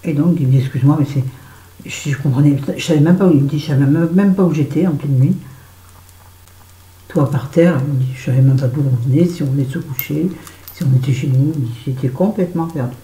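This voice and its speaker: A woman's voice: low voice, fast, warm tone, echoey room, rough recording. A woman telling a story to her viewers in a casual vlog while doing her make-up, chatty and swearing freely. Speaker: vlogger. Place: bedroom at home.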